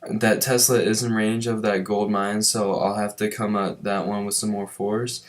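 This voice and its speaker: A young man with a very low voice talks over his gameplay footage. His tone is relaxed and chatty as he walks through each move and offers tips, in the easy style of a home gaming channel. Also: moderate pace. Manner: relaxed, chatty, explains his moves as he plays. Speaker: gaming commentator. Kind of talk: casual gameplay commentary.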